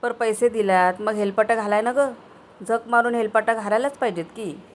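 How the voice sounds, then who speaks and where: Woman voicing a sharp-tongued nagging village wife. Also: a little high, slight background noise, close to an everyday voice. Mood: scolding. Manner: scolding, rapid questioning. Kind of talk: storybook reading.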